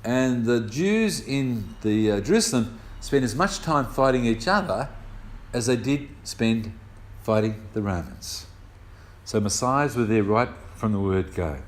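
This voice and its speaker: A man's voice: mid-range voice, lively intonation, measured pace. An older man with an Australian accent preaching a sermon, explaining scripture step by step in a conversational way with personal anecdotes.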